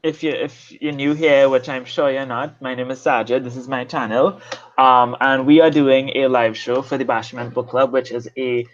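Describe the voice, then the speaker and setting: A man's voice: medium pitch, steady tone, moderate pace, highs cut off. A man from Trinidad, hosting a casual book club livestream and chuckling as he talks. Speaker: channel host.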